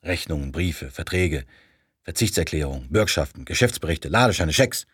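A man voicing Burr, a forceful, husky spymaster. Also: low-pitched, expressive, normal speed, no room sound, clean studio sound, full character voice. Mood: excited. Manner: aggressive, emphatic.

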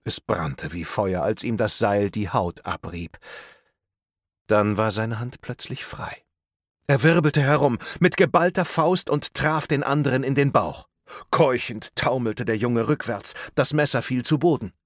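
An audiobook narrator reads a thriller aloud, using a tense, measured storytelling style in scripted narration. His voice is medium in pitch, with clean studio sound and no room echo.

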